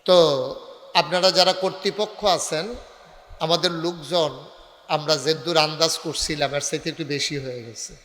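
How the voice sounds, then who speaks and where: A man preaches in a fairly high, ringing voice. He slides from crowd banter into long sung phrases and calls for the gathering to answer back. The voice carries a long reverb tail from a public address system at a night gathering. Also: bright, forceful tone. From Bangladesh. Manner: breaks into sung, chanted delivery and rouses the crowd to call back; banters with the audience and gives directions to the crowd. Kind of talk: Bengali waz sermon.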